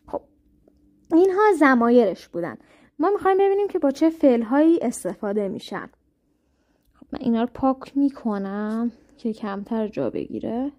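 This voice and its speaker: A woman giving a step-by-step language lesson, saying new words slowly and carefully. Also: a little high, lively intonation. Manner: slow, careful spelling-out of words. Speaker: language teacher. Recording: muffled lo-fi audio.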